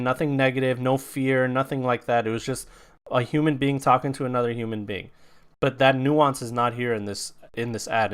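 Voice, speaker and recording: Young man, podcast co-host, blunt and profane, smooth resonant voice, mid pitch. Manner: blunt, profane, animated venting. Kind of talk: casual podcast chat.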